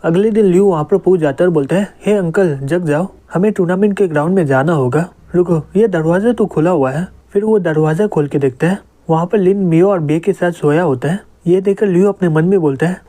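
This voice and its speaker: Mellow-voiced man narrating a manga. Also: on the high side. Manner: reads every character's lines in his own voice. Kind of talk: storytelling narration voicing all characters.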